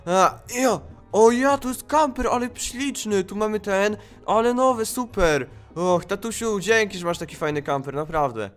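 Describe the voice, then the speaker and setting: A young man narrating and acting out a game role-play as a whiny, excitable kid. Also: sits high, normal speed, faint music behind. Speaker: gaming YouTuber.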